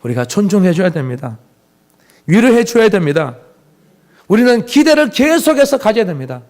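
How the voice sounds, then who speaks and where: Male pastor, high and lively voice, emphatic preaching with rhetorical questions. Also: normal speed. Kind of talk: sermon.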